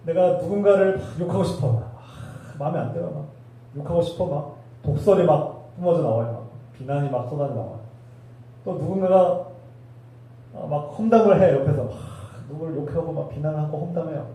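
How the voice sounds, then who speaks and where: A man's voice: fairly high pitch, fairly quick, mellow. A male pastor preaching a sermon, with rhetorical questions and emphatic repetition. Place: church sanctuary. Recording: echoey hall, voice from a distance.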